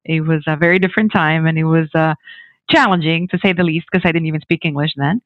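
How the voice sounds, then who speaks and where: Lively man from the Dominican Republic on a phone-like line. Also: on the high side, fast talker, dry recording. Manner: animated, many restarts and fillers. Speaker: guest, technology executive. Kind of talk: conversational interview.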